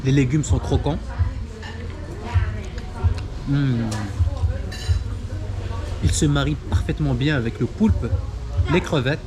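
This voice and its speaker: A man's voice: mid-range voice, a little slow, music in the background, rough recording. A man chatting casually to camera as a food vlogger, talking between bites with savoring murmurs and playful, self-mocking exaggeration at a street food spot. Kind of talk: casual mukbang chat to camera. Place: street food eatery in Vietnam.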